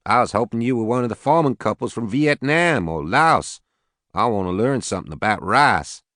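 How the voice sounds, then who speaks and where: A man's voice: mid-range voice, animated, moderate pace, a bit bright, dry recording, studio quality, pitched above the performer's own voice, close to an everyday voice. A male narrator voicing a blunt, crude farmer from the rural American South, with a Southern accent, curse words and all. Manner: crude, blunt, folksy cursing.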